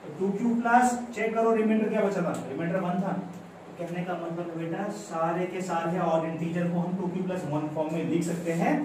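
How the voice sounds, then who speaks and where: High-voiced Indian man teaching maths in an echoey room. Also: fairly even intonation, a little fast. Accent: Indian English mixed into Hindi. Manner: explains step by step, repeats phrases, coaxes students with questions. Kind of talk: blackboard maths lesson. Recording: very echoey room, mic far off, faint background noise.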